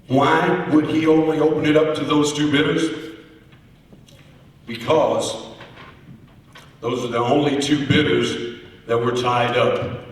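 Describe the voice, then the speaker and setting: A man gives formal contest answers in a courteous, earnest, deliberate way, like an orator. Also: medium pitch. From Oklahoma, US. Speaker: auctioneer, contest finalist. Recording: echoey hall, heard from far off.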